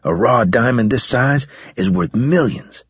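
A man voicing an eager young male soldier recruit who asks quick, wheedling questions, with a breathy voice. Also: mid-range voice, lively intonation, dry recording, muffled recording, voice pushed up. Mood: hushed.

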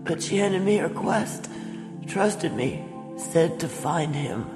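An actress playing a desperate, bitter elderly woman captive in a dramatized audiobook, halting and rough-spoken. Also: on the low side, expressive. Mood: urgent, halting. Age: older. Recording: long reverb, music underneath.

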